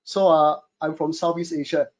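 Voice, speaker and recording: A man's voice: a little high, flat delivery, normal speed. Singaporean guy giving a webinar from his home studio, talks casual, lots of uh and you know. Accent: Singaporean English. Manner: chatty, many fillers, addresses audience as guys. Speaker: webinar host and e-commerce consultant. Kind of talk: webinar presentation.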